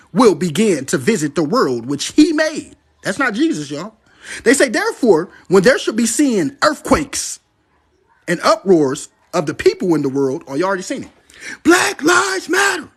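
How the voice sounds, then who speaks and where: A man's voice: sits high, husky. A man, preaching about prophecy in casual livestream talk, swearing and asking "right?" again and again. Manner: preachy, excitable, swears, asks "right?" often.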